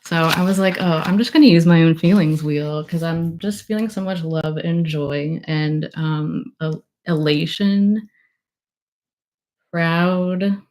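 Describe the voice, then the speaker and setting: A woman's voice: lowish voice, a little mellow, low-quality recording. A young woman talking casually on a livestream at her book launch, emotional and gushing, rambling with many fillers. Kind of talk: casual livestream thank-yous.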